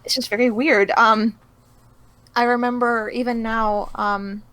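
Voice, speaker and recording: A woman's voice: on the high side, level tone, unhurried, a bit bright, clear, resonant tone, no room sound. A woman answering as an interviewed voice actor, chatting casually in a hesitant, thoughtful way and often correcting herself.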